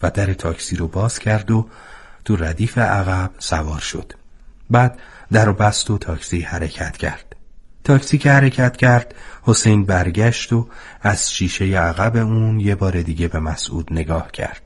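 A man narrating a story in a calm, expressive storybook reading. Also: low voice, slightly rough.

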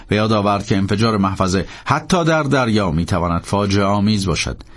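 Expressive male audiobook narrator. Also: lowish voice. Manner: expressive, swings from tense to hushed.

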